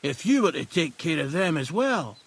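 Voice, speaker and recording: A man's voice: fairly high pitch, very animated, moderate pace, exaggerated voice. An actor playing an injured, blunt woodsman who is short of breath and barks orders in a video game. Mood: gruff. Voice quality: gravelly, raspy.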